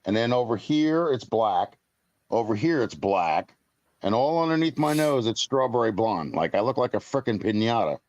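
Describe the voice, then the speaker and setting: A man's voice: medium pitch, big pitch swings, normal speed, a little mellow, no echo, dull audio. A man in his fifties chatting casually on a live stream, talking in a rambling, blunt way with some mild cursing. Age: 50s.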